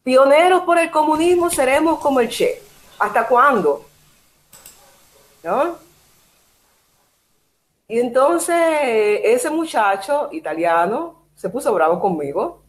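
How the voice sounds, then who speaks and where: Cuban woman, animated talk over video call. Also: high-pitched, takes it slowly, long pauses. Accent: Cuban Spanish. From Cuba. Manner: animated storytelling, quotes herself. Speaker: guest. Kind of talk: casual chat.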